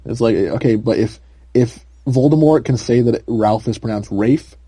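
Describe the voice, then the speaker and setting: A man's voice: medium pitch, moderate pace, warm tone, husky, dry recording. A young man co-hosting a podcast, chatting casually with lots of fillers and frequent laughter. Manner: rambling, filler-heavy, laughs often. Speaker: podcast co-host. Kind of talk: casual chat.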